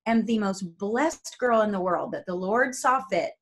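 A woman in her forties from New Jersey, a guest telling lively family stories over a video call from her home. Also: medium pitch, moderate pace. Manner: animated storyteller who acts out quoted family members. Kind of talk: casual faith interview.

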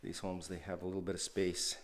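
This renovation host, fairly low-voiced, strolls through the empty house chatting at an easy pace, with plenty of "uh"s and restarted thoughts. It sounds like the camera's own microphone picked him up, along with a faint hiss or hum.

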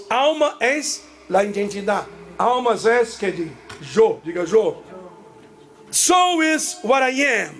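A woman preaching in church, telling a family story with lively voices for each person, and repeating herself for an interpreter. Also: medium pitch. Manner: animated storytelling, jumps between two languages, acts out family members. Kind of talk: sermon with live interpretation.

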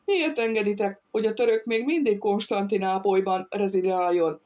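A woman reading an audiobook, voicing a cocky male thief who calmly taunts soldiers from a treetop. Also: medium pitch, recorded from a distance, close to an everyday voice. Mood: mocking. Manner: taunting, calm, sly.

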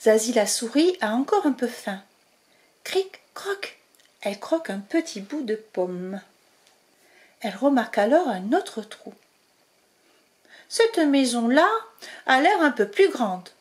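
A woman reading a picture book aloud to children, slow and expressive, talking to her young listeners. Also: on the high side. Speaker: storyteller.

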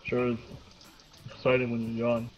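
A man of ordinary pitch talks through a co-op heist game, tossing out exasperated sighs and teasing jabs at his partner. Faint game music sits low behind him. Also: completely flat delivery, normal speed, rough recording. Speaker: gamer streaming. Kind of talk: casual gameplay chat.

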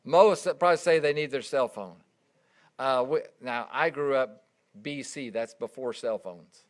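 Preaching at a measured pace in a mid-range voice, a middle-aged man tells stories earnestly and emphatically. His volume keeps rising and falling as he speaks.

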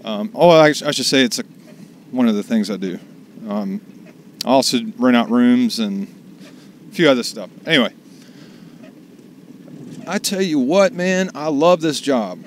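A man's voice: mid-range voice, lively intonation, a little slow, long pauses, slight background noise. A man chatting casually to the camera while driving for food deliveries, rambling and salty. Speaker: delivery driver vlogger. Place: in a car.

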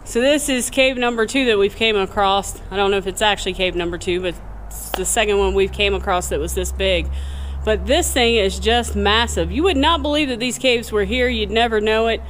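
A young adult woman talks in an average female pitch. She speaks casually to a camera held at arm's length under a rock overhang, as in a homemade outdoor vlog. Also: brisk, a little hiss or hum. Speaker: vlogger.

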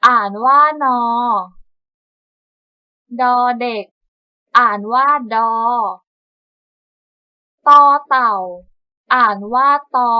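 A woman teacher reciting the alphabet for young children, repeating each item in a measured call-and-response pattern. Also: fairly high pitch, no echo, muffled recording. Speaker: primary school teacher.

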